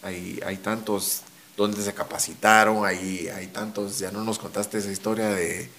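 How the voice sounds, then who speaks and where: A Guatemalan man hosts a casual chat in a fairly low voice. He is relaxed, backs his guest up with quick agreement and drops local sayings into the talk. The room around him has an echo. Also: slight background noise. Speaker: podcast host. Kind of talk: casual podcast conversation.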